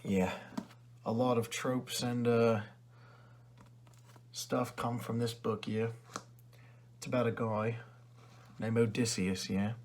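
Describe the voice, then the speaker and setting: A man's voice: mid-range voice, level tone, takes it slowly, long pauses, darkish tone, a little hiss or hum, natural voice. A man playing a rude, condescending librarian who sells used books, in an ASMR role-play with chummy but insulting salesman-like patter. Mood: casual, pitching. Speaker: ASMR performer.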